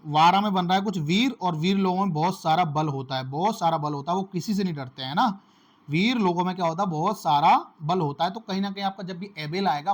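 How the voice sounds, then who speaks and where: High-voiced man teaching memory tricks. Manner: repeats phrases, calls listeners "my brother", makes memory tricks. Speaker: exam-prep teacher. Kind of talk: casual classroom-style lesson.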